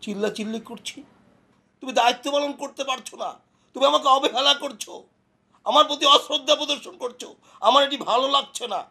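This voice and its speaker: Middle-aged husband, indignant, scolding, high voice, gravelly. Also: male voice, big pitch swings, a little fast. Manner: indignant, scolding, vain about his age. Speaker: husband in a strained marriage. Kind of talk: television drama acting.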